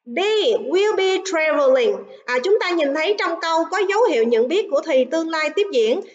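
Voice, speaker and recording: A woman with a Vietnamese accent, an English teacher in a recorded online lesson, reading quiz items slowly and carefully. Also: very high-pitched, lively intonation, highs cut off.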